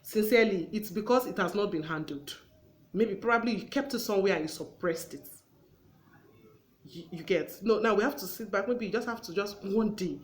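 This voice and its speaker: A woman's voice: mid-range voice, brisk. A woman hosting a conversational talk show. She gives earnest advice and acts out everyday exchanges as she goes.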